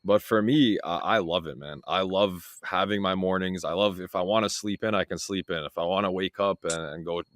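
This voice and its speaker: Guest, young man, very low voice, relaxed chatty delivery, dry sound. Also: a little fast, hardly any pauses, no echo. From Toronto, Canada. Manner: easygoing, relaxed, filler-heavy. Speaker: guest, freight broker. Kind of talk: casual interview chat.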